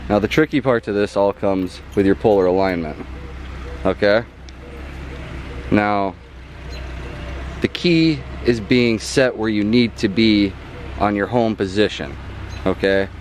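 A man's voice: on the low side, measured pace, long pauses, slight background noise. A man giving a casual hands-on demonstration outdoors in a yard, often checking in with "okay?" and filling gaps with ums. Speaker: hobbyist explaining a homemade astrophotography mount.

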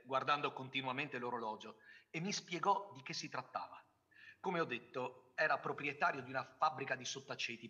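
A man reading a literary first-person story aloud on a theatre stage, measured and clear. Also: mid-range voice, pushed and bright. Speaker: reader.

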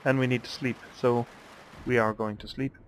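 A man's voice: mid-range voice, fairly even intonation, moderate pace, a little hiss or hum. A tired man casually commenting on his own truck driving game, musing aloud to himself. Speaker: let's play gamer. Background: truck driving game sounds.

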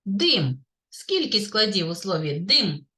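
Kindergarten teacher, woman, Ukrainian accent, slow sing-song delivery, bright tone. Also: medium pitch, sing-song. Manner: slow, clear, sing-song teacher talk, praising often. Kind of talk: literacy lesson for young children. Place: kindergarten classroom.

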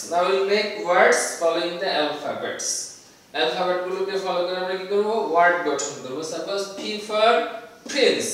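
A high-pitched man with a Bangladeshi accent gives a children's lesson in a slow, deliberate way, repeating each point. His voice rings through a very echoey room and sounds a little distant from the mic. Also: fairly bright tone. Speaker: English teacher.

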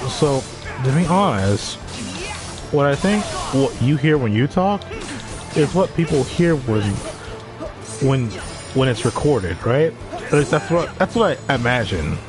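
A man's voice: mid-range voice, a little slow, pauses often, music in the background. A man streaming live, chatting casually with viewers, swearing freely and laughing often. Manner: profane, animated, laughs often.

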